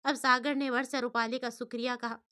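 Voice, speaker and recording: A woman storyteller narrating in a steady, expressive way. Her voice is high, bright and clear, and it carries the story along evenly. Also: brisk.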